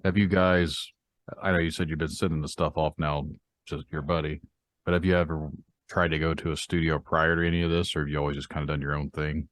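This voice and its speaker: A man with a very deep voice hosts a casual interview podcast. He asks loose, friendly questions and chuckles along with his guests. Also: little pitch movement, quick pace, a bit bright. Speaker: podcast host.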